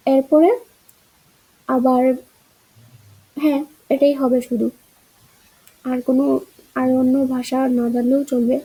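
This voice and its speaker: A woman's voice: high voice, warm tone, rough recording. A woman teaching an exam-prep grammar lesson, walking through answer choices and checking in with rhetorical questions.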